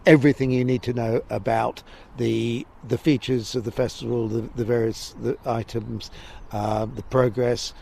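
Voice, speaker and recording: Hesitant, gravelly southern English man. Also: medium pitch, moderate pace. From Essex, England. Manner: hesitant, discursive, stop-start. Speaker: walking guide and festival guest. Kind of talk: unscripted interview answers. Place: outdoors near a creek by the estuary. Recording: steady background noise, outdoors.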